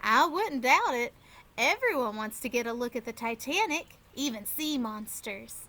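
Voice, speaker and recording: A woman's voice: a little high, expressive, moderate pace. A woman voicing a young aunt who is fond but firm, in a storybook reading. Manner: gently stern.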